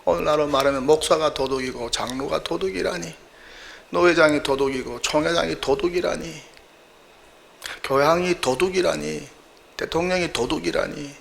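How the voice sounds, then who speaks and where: Male pastor, sermon, gravelly, slightly high voice, emphatic, rhetorical questions. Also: normal speed, a bit bright, slight background noise. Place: church.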